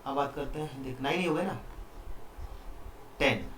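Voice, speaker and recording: A man's voice: mid-range voice, normal speed, fairly bright tone, slight background noise. A man teaching a chemistry lesson online, explaining step by step and often asking the students questions. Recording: echoey room, mic at a distance.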